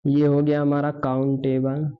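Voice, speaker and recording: Male grammar teacher, high voice, repetitive classroom delivery, lo-fi recording. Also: monotone, unhurried, smooth. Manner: repetitive, asks rhetorical questions and answers them himself. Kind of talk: classroom lesson explaining. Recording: dull lo-fi sound.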